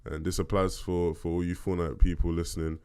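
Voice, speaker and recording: Man with a very deep bass voice. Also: little pitch movement, fairly quick, darkish tone, clear, resonant tone. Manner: conversational, checks in with "right?". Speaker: podcast host. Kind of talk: casual solo talk, answering listener questions.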